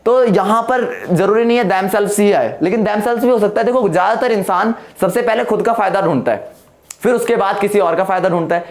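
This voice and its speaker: A man with a fairly high voice teaches English grammar in a classroom. He explains slowly, repeats his points and keeps checking with the class through questions. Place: classroom with whiteboard.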